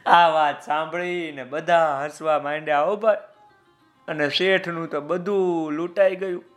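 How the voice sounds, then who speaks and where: A man telling a children's story, lively and speaking directly to his young listeners. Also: on the high side, measured pace, soft background music.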